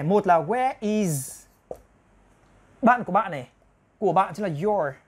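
A woman teacher walks her viewers through a grammar lesson at an even, middle pitch. She slows way down to drill each example phrase, repeats it several times, and keeps checking in with the viewers. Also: husky. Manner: explains step by step, often asking the viewers "right?". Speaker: English teacher.

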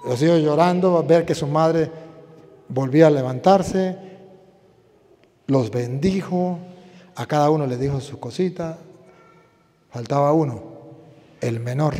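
Male priest, high voice, preaching in a reverberant hall, dramatic storyteller. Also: unhurried, pauses often, dark tone. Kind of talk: sermon with acted-out story.

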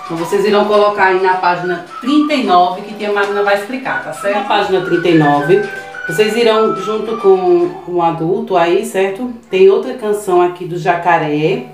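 Speaking a little fast in a mid-range voice, a preschool teacher in her thirties with a Brazilian Portuguese accent leads young children through worksheets. She stays patient and keeps asking "tá certo?" to make sure they follow. The distant camera in this small whiteboard classroom gives a roomy sound, with soft music behind her.

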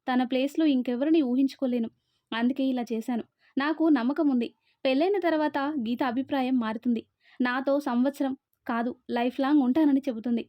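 Woman reading a story aloud, high voice, all the parts in about the same voice, dry close recording. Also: no echo, lo-fi sound. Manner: reads all characters in a near-plain voice. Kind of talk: scripted story narration with dialogue.

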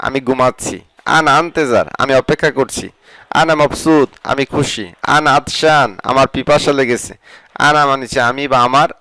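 A man teaching a vocabulary lesson, saying each phrase and then its meaning in a steady drilling rhythm. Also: on the high side, no echo, low-quality recording. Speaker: language teacher.

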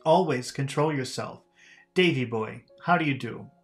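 A man's voice: mid-range voice, moderate pace, faint music behind, close to an everyday voice. A man reading an audiobook, voicing a stern, controlling stepfather in a clipped, commanding way.

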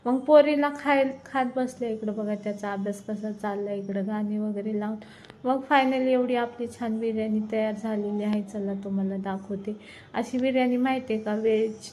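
A woman's voice: mid-range voice, warm tone, a little hiss or hum. A woman, chatting casually through a home cooking vlog in her kitchen and showing viewers each step. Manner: chatty, shows things to viewers as she cooks. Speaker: vlogger.

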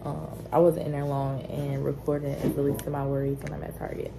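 A young woman chatting casually through a day-in-the-life vlog, relaxed and full of fillers. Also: sits low, a little fast, gravelly, noisy background. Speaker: vlogger.

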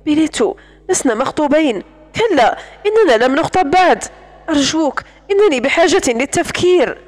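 A woman voicing a young woman who is shaken and unsure, speaking softly and hesitantly. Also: high voice, expressive, a little fast. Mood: troubled. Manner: soft, hesitant.

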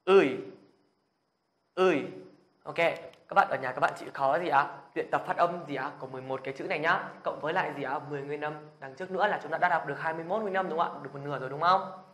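A man's voice: fairly high pitch, rapid-fire, pushed and bright. A man teaching a beginner language lesson who keeps asking his viewers whether they follow, then drills the sounds aloud with energy. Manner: patient, checks in with the viewers after every point.

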